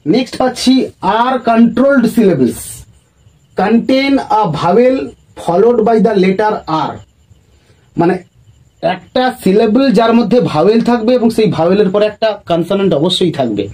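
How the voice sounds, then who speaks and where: A man teaching English grammar at a board, explaining in Bengali and reading English definitions slowly, calling viewers "friends". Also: sits high, lively intonation, a little mellow, poor audio. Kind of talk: classroom lesson at a board.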